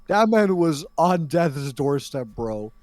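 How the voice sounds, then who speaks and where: A man's voice: fairly high pitch, sing-song, slow, darkish tone. A young man co-hosting a podcast, bantering in slangy, profane talk. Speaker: podcast co-host. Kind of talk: casual chat.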